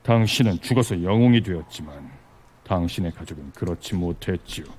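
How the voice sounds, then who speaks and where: An actor playing a composed, persuasive otherworldly envoy in a video game, speaking formally and gravely. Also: male voice, sits low, lively intonation, fairly quick, darkish tone, a little hiss or hum. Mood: grave, regretful. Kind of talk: dramatic game voice acting.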